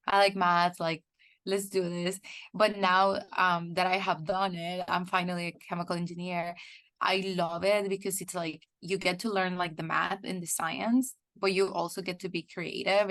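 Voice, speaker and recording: A low-pitched woman from El Salvador in her twenties speaks as a guest in an online webinar. She talks in a chatty way, filling her sentences with "like". The sound is close and dry, as if from a video call. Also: a bit bright, no echo. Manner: chatty, frequent "like" fillers. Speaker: guest speaker, PhD student. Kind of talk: webinar interview.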